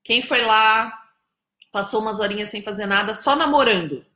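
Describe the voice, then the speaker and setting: At home in São Paulo, a Brazilian woman runs a casual live stream, chatting, teasing and greeting viewers by name in Brazilian Portuguese. Her medium-pitched voice moves at a moderate pace with a sharp tone, and the sound is roomy.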